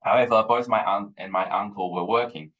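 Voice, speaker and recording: A man's voice: fairly low pitch, highs cut off. A man in his thirties from Taiwan, a guest educator talking thoughtfully in a podcast interview. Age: 30s. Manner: thoughtful, measured, with frequent ums.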